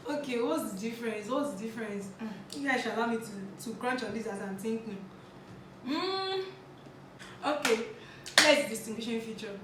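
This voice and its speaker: Speaking from a distance in an echoey room with background noise, this vlog host in her 20s has a fairly high, expressive voice and an unhurried pace with frequent pauses. She's talkative and giggly, eating on camera and chatting casually between crunchy bites.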